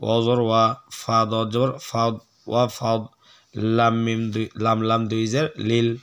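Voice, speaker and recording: Man teaching slow verse recitation. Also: mid-range voice, completely flat delivery. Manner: slow drawn-out recitation between quick explanations; clears throat often. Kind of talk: spelling out and reciting verses in a lesson.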